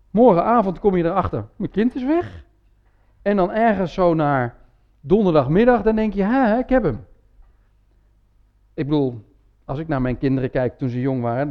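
A man's voice: a little high, gravelly, lo-fi sound. A man preaching a sermon in a church, talking in a conversational way with frequent tag words and restarts. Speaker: pastor.

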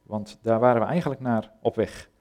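A man preaching a sermon, retelling a Bible story in a casual, conversational way, pausing often with filler sounds. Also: medium pitch, a little mellow. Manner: conversational, hesitant with many fillers.

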